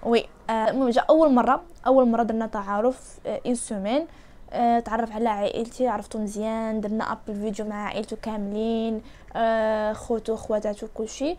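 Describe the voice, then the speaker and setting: Rapid-talking Moroccan woman vlogger. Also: on the high side, flat delivery, a little mellow. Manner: chatty, repeats words, answers viewers' questions. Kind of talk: casual storytelling to viewers.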